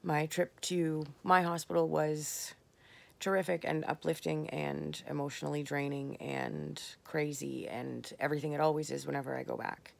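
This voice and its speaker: A woman talking candidly in a late-night personal vlog, tired and slurring her words, rambling with soft pauses. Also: sits low, flat delivery, gravelly. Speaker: vlogger.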